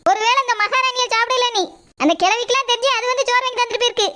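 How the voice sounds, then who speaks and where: A woman playing a shrill scolding sister-in-law. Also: steady tone. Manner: scolding, sharp and fast. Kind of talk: amateur family drama acting.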